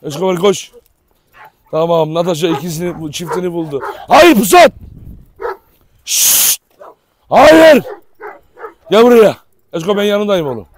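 A man filming on his dog farm, chatting casually to viewers and calling commands to the dogs, with barking behind him. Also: on the high side. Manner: affectionate, shouts commands at dogs. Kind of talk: casual commentary while handling dogs.

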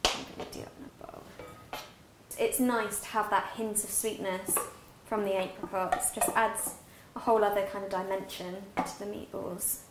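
Heavy background noise surrounds a young British guest cook and cookbook author in her twenties as she chats brightly through a recipe, step by step, while cooking in a home kitchen. Her voice sits in the mid range, with a level tone at normal speed. Music plays behind her in the roomy space.

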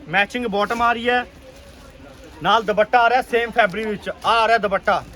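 High, bright-voiced Punjabi man selling hard. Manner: urgent, repetitive, enthusiastic hard sell. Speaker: clothing shop seller presenting stock. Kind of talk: sales pitch for online video. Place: busy clothing shop.

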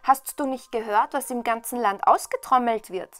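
A woman voicing two haughty young brothers who mock loudly. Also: fairly high pitch, moderate pace, dry recording, lightly acted. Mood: scornful. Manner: mocking, loud.

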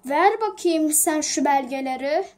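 A woman's voice: high-pitched, lively intonation, measured pace, darkish tone. A woman voicing a stern, demanding company boss in a homemade toy drama, bossy and insistent. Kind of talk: toy-figure home drama.

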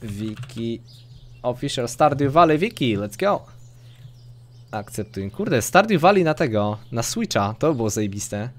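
A man's voice: mid-range voice, sing-song, unhurried. Chatty young man streaming a farm game. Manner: chatty, talks to viewers and girlfriend off-mic, mixes English gaming words. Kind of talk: casual gameplay commentary.

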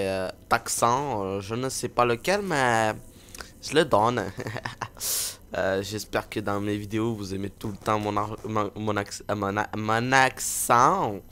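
A man's voice: on the low side, a bit bright, slight background noise. A young man giving rambling, playful live commentary over a video game, with lots of fillers and jokes at his own expense. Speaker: gaming video host.

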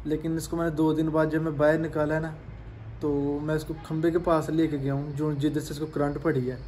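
A man's voice: a little high, little pitch movement, brisk, a little mellow, a little hiss or hum. A man from Pakistan with a Pakistani Urdu accent, chatting casually in a vlog. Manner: chatty, informal. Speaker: vlogger.

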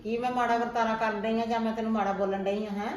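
A woman playing a sharp-tongued older mother-in-law who scolds and taunts in quick retorts, in an amateur family drama skit. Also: fairly high pitch, flat delivery, natural voice. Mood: taunting. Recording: echoey room.

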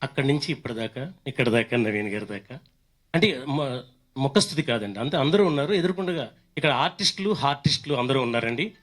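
A man's voice: mid-range voice, expressive, quick pace, fairly bright tone. An older man, a mimicry artist, chatting and joking between impressions on a stage with a handheld mic. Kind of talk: stand-up mimicry act. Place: stage event.

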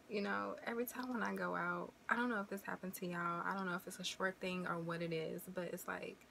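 A young woman in her twenties talks casually to her camera, rambling from one thing to the next with plenty of fillers. Her voice sits fairly low and has a gravelly, fry-laden edge. There is a faint hiss of noise behind her. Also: pushed and bright. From American Midwest. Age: 20s. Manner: chatty, rambling, uses y'all and you know. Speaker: vlogger.

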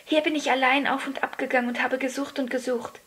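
A woman voicing an earnest young girl who speaks in a hushed, breathy way. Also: on the high side, fairly even intonation, moderate pace, a little hiss or hum, lightly acted.

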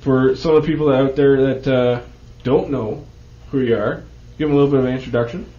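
A man's voice: mid-range voice, fairly quick, mellow. Man, radio host, casual rambling talk, roomy dull studio sound. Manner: loose, rambling questions.

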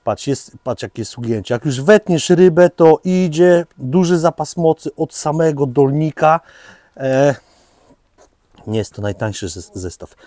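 Chatty Polish shop host, dark voice. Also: male voice, on the high side, animated, measured pace, dry recording. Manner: chatty, joking, loose with fillers. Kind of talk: casual product presentation.

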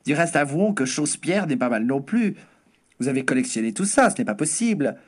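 A man reading aloud and voicing a haughty, mocking aristocratic duchess in a high, swooping, imperious tone. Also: sing-song, fairly quick. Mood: teasing.

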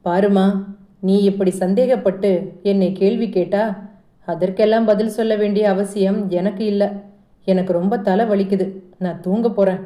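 A woman's voice: medium pitch, fairly even intonation, moderate pace, warm tone, natural voice. A woman voicing a defensive teenage girl who pleads and protests in a told story. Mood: defensive pleading. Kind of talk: storytelling dialogue. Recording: echoey room.

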